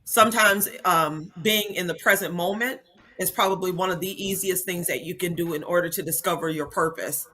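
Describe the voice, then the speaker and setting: Woman guest on a business show, super bright voice, polished speaker vibe. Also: on the low side, fairly quick. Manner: upbeat, polished, speaker-like phrasing. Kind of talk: interview answers.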